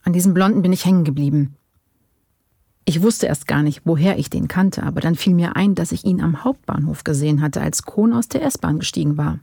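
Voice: medium pitch, fairly quick, gravelly, mellow, slightly rough, no room sound, studio quality. The narrator reading an exhausted male informant who gives weary, defensive answers under questioning.

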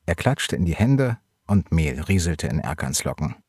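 A man reads a novel aloud in a steady, measured way, his voice very low and husky. The recording is close and dry, with no room around it. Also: no echo. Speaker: narrator. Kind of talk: audiobook reading of a novel.

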